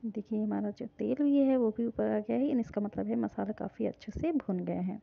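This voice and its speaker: A woman calmly narrating a step-by-step recipe in her home kitchen. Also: medium pitch, moderate pace, creaky. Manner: calm, instructive, repeats "hum" often. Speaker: cooking channel host. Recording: dull lo-fi phone audio.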